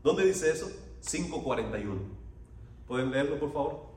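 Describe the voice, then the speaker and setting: A pastor preaching a sermon, telling stories with animation and asking the congregation questions. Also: male voice, mid-range voice, lively intonation, moderate pace, darkish tone. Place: church hall. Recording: echoey hall from far off, faint noise.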